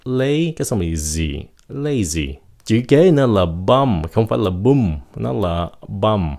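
Male English teacher, lively, low voice, breaks down pronunciation slowly. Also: vocal fry. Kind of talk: language lesson.

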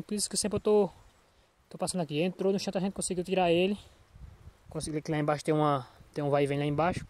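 A small farmer vlogs from an open cornfield, a Brazilian man with a Northeastern accent and a fairly high voice made a little hoarse by a cold. He chats casually with the handheld camera in a folksy, repetitive way, tossing in frequent check-in tags. The outdoor handheld recording is noisy.

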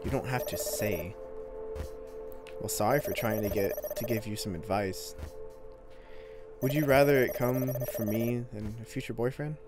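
A man's voice: fairly low pitch, measured pace, long pauses, over loud music, lightly acted. A man voicing a teasing, easygoing young woman who is an older sister, in a reading of a story game. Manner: teasing, breezy.

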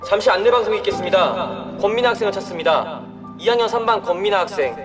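A fast, high-voiced school intercom announcer. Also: male voice. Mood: formal. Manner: formal, even announcing tone. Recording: distant loudspeaker over loud crowd and music.

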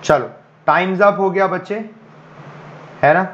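A man teaching English for bank exams in a live online class, speaking slowly and gently because of a headache, and coaxing students to answer. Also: high voice, muffled recording, slight background noise. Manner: explains in Hindi mixed with English, coaxing students to reply. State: has a headache.

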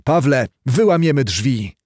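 A man voicing a stern, resolute middle-aged male lawyer who speaks in a forceful, commanding way. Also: mid-range voice, lively intonation, measured pace, dry recording, clean studio sound.

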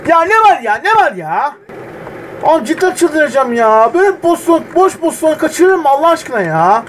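A man streaming a football video game, groaning at misses and shouting players' names when they near the goal. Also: extremely high pitch, very animated, moderate pace, a little hiss or hum. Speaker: gaming channel host. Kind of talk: excited gameplay commentary. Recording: game music loud behind voice. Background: game music.

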